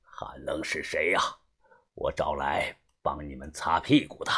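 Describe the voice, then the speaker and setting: A man voicing an older, cautious gang boss in an audiobook, speaking low and often in a hushed whisper. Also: steady tone, measured pace, breathy edge, full character voice. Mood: scolding. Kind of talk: audiobook character voice.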